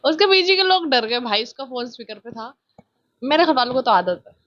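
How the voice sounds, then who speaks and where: A young woman from India with a childlike voice, chatting loudly and excitably through a casual vlog, filmed on a phone on a tripod. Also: high voice, a little fast, dull audio, slight background noise. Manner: chatty, self-mocking, loud and excitable. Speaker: vlogger.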